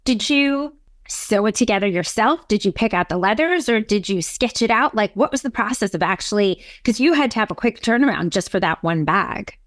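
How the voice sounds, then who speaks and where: A chatty, enthusiastic woman hosts the interview, asking long winding questions full of agreement. Her pitch sits mid-range, and the recording is dry and close. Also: expressive, normal speed, no room sound. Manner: chatty, enthusiastic, lots of affirmations. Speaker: podcast host, interviewer. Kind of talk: conversational interview.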